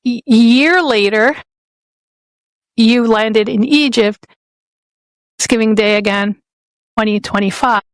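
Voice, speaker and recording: A woman's voice: fairly high pitch, takes it slowly, pauses often, no echo. Earnest woman in her fifties, podcast host. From Saudi Arabia. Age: 50s. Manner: earnest, searching for words with many restarts. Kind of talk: reflective podcast conversation.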